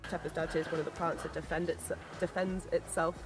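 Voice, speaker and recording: A man's voice: fairly high pitch, flat delivery, fairly quick, music in the background. A man in his thirties chatting informally as a guide, explaining things in plain conversational terms. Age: 30s. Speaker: tour guide explaining agave.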